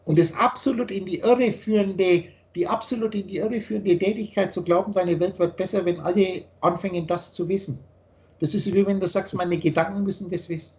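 A man with a high-pitched voice lectures over a video call. He speaks emphatically as a spiritual teacher. He often repeats and rephrases his points. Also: fairly even intonation, a little fast, darkish tone. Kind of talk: explaining ideas in a video call.

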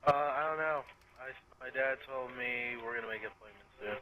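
A man's voice: medium pitch, fairly quick, pushed and bright. A man chatting easily with friends while playing a block-building game, ribbing them as they go. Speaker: let's play gamer. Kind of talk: casual gaming chat.

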